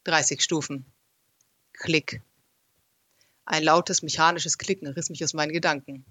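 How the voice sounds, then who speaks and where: A man narrates a first-person adventure story like an audiobook, telling it in a lively and expressive way. His voice is fairly high for a man. The recording is close and dry, with no room sound. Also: measured pace, no echo.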